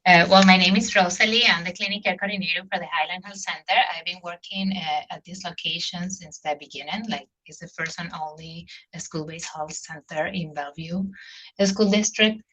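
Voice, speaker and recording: Woman from Venezuela, Spanish accent, middle-aged, lowish voice, hesitant webinar presenter on a video call. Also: steady tone, fairly quick, sharp tone, rough recording. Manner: hesitant, frequent fillers. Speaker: clinic care coordinator.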